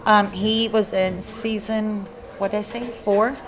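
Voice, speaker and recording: A woman's voice: mid-range voice, steady tone, slow, a little hiss or hum. A middle-aged woman with a Kentucky accent, a guest paranormal investigator chatting casually and rambling with lots of fillers and restarts. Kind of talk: casual live interview chat. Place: haunted hotel event. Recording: live event with crowd chatter behind. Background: crowd chatter.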